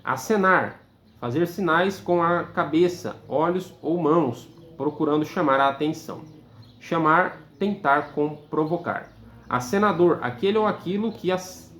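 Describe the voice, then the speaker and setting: A Brazilian man, a teacher, reading dictionary definitions aloud in a measured, list-like way with hesitant "é" fillers. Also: a little high. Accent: Brazilian Portuguese. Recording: echoey room, faint background noise.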